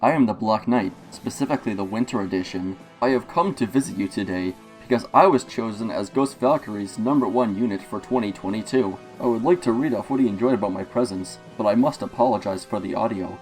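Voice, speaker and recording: A man's voice: fairly low pitch, darkish tone, soft background music, natural voice. A man playing a courteous, formal armored knight, his voice slightly muffled as if from inside a helmet, delivering a scripted message. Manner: formal, polite, measured announcing.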